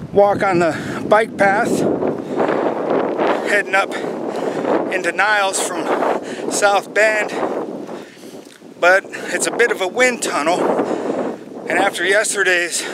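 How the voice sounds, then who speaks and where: A middle-aged American man chatting casually to viewers in an unhurried way while walking outdoors, recorded on a built-in microphone with wind noise. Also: high-pitched. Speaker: hiking vlogger. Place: outdoors in a windy wooded park. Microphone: camera's built-in microphone while walking. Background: wind, faint outdoor noise.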